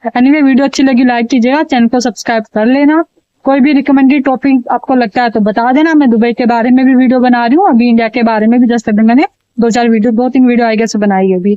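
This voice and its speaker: Woman vlogger, high voice, fed-up chatty rant, dry slightly dull recording. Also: dark tone, no echo. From India. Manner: exasperated, chatty, repeats phrases for emphasis. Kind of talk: casual ranting vlog to camera.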